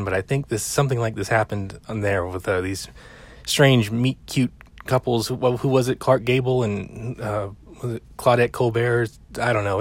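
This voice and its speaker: Chatty low-voiced man recapping a film. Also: no echo. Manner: rambling, chatty, with frequent "uh" fillers and casual swearing. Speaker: film commentator. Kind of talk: casual film recap commentary.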